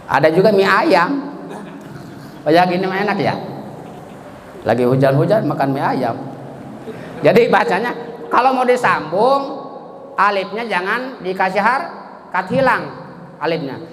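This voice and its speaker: A man's voice: high-pitched, lively intonation, a little slow, long pauses, a bit bright, a little hiss or hum. A man teaching Quran recitation rules, chanting verses and then correcting them. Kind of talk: tajwid lesson at a mosque study circle. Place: mosque hall. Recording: echoey hall with long reverb.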